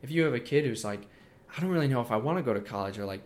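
A man's voice: mid-range voice, racing. A nineteen-year-old man talking casually as an interview guest, with lots of fillers and restarts. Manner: relaxed, many fillers and restarts.

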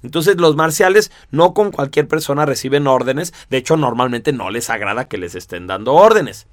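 A man giving a lively, conversational talk to an audience, full of rhetorical asides. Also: medium pitch, moderate pace, no echo, clean studio sound. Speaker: teacher.

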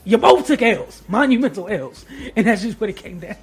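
A man co-hosting a casual sports podcast, emphatic and slangy, building up to loud points. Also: sits high, expressive, brisk. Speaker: podcast co-host.

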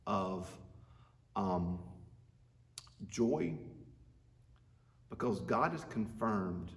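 Man preaching with cathedral echo, gravelly. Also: mid-range voice, slight background noise. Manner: earnest, reflective, with frequent restarts. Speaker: pastor. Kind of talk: filmed devotional reflection. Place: inside a church sanctuary. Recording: echoey sanctuary, mic far off.

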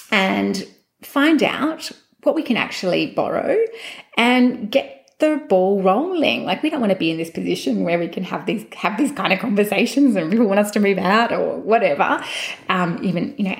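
A woman recounts a personal story in a casual, chatty way. Her pitch swings widely as she acts out the lines of the people she quotes. A gravelly, fried texture runs through her middle-pitched voice.

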